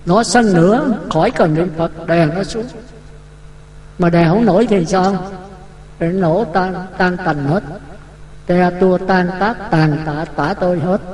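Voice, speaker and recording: A man's voice: sits high, slow pace, darkish tone. A man giving a Buddhist dharma talk, vivid and full of rhetorical questions. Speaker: Buddhist monk teaching. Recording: echoey hall.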